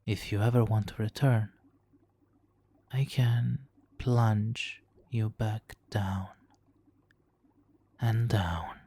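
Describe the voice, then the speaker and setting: A man with a lowish, steady, warm voice performs an ASMR roleplay with a hypnotic countdown, drawing out his words, pausing often, and acting heavily. As a suave, manipulative supervillain, he's silky and theatrically polite, smugly doting and sometimes slipping into whispers, with a soothing, hypnotic mood.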